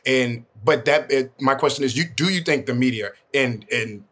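A man on a panel who talks haltingly, restarting often as he works out his question. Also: medium pitch, fairly bright tone. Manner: halting, many restarts and fillers while forming a question. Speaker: panel guest. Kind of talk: panel discussion.

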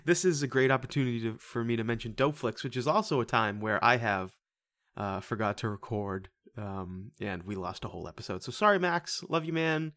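A man hosts a casual movie podcast, clowning around with goofy, animated outbursts. His voice sits at an ordinary pitch and is recorded close and dry on a podcast mic, with almost no room sound. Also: a little fast, dry recording. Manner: goofy, joking, animated bursts. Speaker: podcast host.

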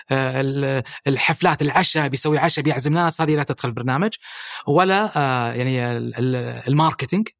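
A man's voice: mid-range voice, no room sound, clean studio sound. A middle-aged man with a Saudi accent, explaining as a guest in a podcast interview, fluent and listing points with frequent hesitation sounds. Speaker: guest, head of a national film body.

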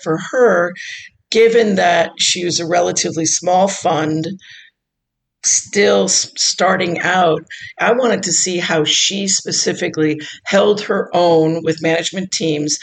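A woman investor, formerly a chief investment officer, speaking in an interview with measured, deliberate explanations. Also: lowish voice, rough recording. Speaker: investor, former endowment CIO. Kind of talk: interview conversation.

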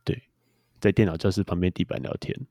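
Fast-talking low-voiced young man. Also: steady tone, dark tone, no room sound, clean studio sound. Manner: chatty storyteller. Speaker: podcast co-host. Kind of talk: casual chat.

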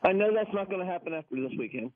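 A man's voice: high voice, lively intonation, rapid-fire, over a noisy crowd. A man calling in to a radio show, sounding muffled as if inside a fishbowl, chatting casually and laughing often. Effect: muffled phone line, like talking inside a fishbowl. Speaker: caller to a sports radio show. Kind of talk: casual chat. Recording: tinny muffled phone line.

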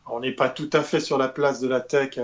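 A man's voice: mid-range voice, little pitch movement, moderate pace. Hesitant man on a dull mic. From Switzerland. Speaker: podcast co-host. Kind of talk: casual tech podcast chat.

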